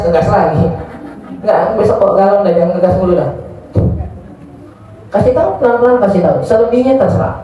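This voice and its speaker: A man's voice: high-pitched, a little hiss or hum. A man, answering religious questions in a casual, joking way as a preacher. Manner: joking, colloquial, reads out audience questions. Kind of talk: informal religious study Q&A. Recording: distant, muffled, echoey room.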